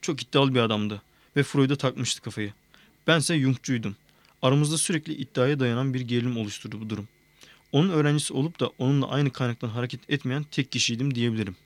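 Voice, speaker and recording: A smug, showy male psychologist who talks with easy confidence and a playful edge, as a man reads him in an audiobook. The voice sits at an ordinary pitch. It is recorded dry and close, with no room sound. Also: quick pace, no echo, close to an everyday voice. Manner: self-assured, playful. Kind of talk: audiobook character reading.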